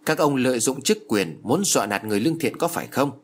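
A man voicing a bold, sharp-tongued teenage boy who talks back mockingly, in a slightly husky voice. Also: medium pitch, lively intonation, fast talker, natural voice. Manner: cocky, mocking.

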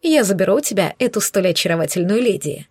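A woman's voice: medium pitch, very animated, quick pace, darkish tone, husky, no echo, clean studio sound. A woman voicing a playful, cheeky male incubus who jokes and purrs his lines. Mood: joking. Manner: purring, joking.

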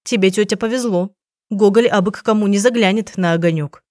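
A woman reading an audiobook, voicing a young woman detective who speaks in a brisk, teasing manner. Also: medium pitch, a little mellow, dry recording, clean studio sound, close to an everyday voice. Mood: wry.

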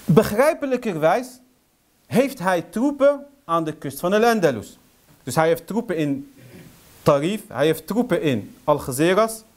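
Brief: man with a high voice, lecturer, indignant storyteller, asks rhetorical questions. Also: lively intonation, a little slow. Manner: heated, indignant; sprinkles Arabic phrases into speech. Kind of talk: history lecture.

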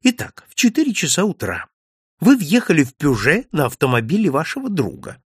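A man voicing a chatty, jovial male village innkeeper in an audiobook, pitching his voice up and sounding excitable. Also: a little fast, husky, no room sound, studio quality, heavily acted. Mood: gossipy.

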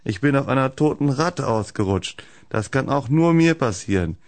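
Guy voicing a clumsy naive patient, deep and dry. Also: moderate pace, darkish tone, dry recording. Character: hapless, easily amazed young man patient.

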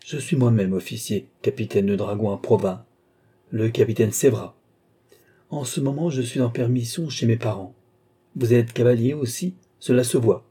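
A man's voice: medium pitch, normal speed, mellow, slightly rough, lightly acted. A man reading a hearty cavalry captain. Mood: courteous, assured. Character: confident hearty male cavalry captain, talkative.

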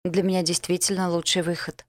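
A woman's voice: fairly low pitch, level tone, a little fast, dry recording, lightly acted. A woman reading an audiobook and voicing a terminally ill young woman who pleads through tears. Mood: pleading. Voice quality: tearful, pleading. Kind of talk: audiobook character voice.

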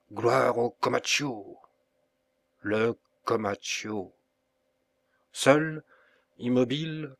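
A male audiobook reader narrates a classic tale at an unhurried pace. His voice sits somewhat low and stays measured and expressive throughout. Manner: slow, measured, expressive reading. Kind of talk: scripted narration of a classic novel.

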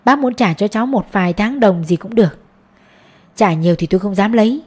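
A genial middle-aged male schoolteacher, as a woman narrator puts him on, who rambles on in a friendly, wordy way. The voice sits a touch above her usual range, with a soft, mellow tone. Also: medium pitch, lively intonation, a little fast, breathy edge.

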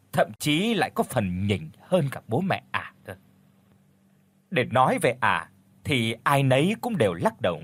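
A man narrates a village horror story in a husky, lively voice. His telling is gossipy and animated, recorded dry and close. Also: medium pitch, dry recording.

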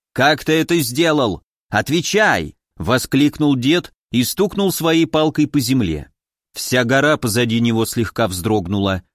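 Expressive male audiobook narrator. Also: medium pitch, no room sound, studio quality. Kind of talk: scripted narration.

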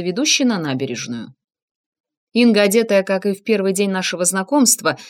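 A woman narrating a first-person crime novel as an audiobook, reading with expressive emphasis. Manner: expressive, shifting pitch for emphasis.

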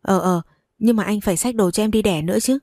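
A woman's voice: medium pitch, quick pace, mellow, no room sound, studio quality, close to an everyday voice. Woman voicing a flustered young husband. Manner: flustered, stammering repeats.

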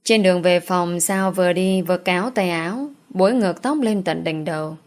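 Low-voiced woman narrator. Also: moderate pace, a little mellow. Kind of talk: reading an audio novel.

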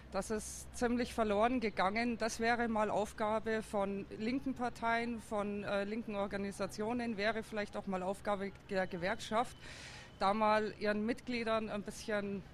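In a street interview on a busy city square, with traffic humming faintly behind her, a district councillor answers questions. Her mid-range voice is thoughtful and hesitant, full of fillers, and she often pauses to search for words.

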